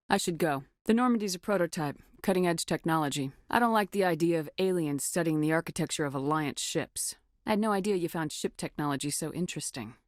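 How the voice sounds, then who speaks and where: Game role: actress as tough female military commander, low register, firm and businesslike, dry close recording. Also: no room sound, natural voice. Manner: firm, measured, businesslike, authoritative. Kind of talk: video game dialogue acting.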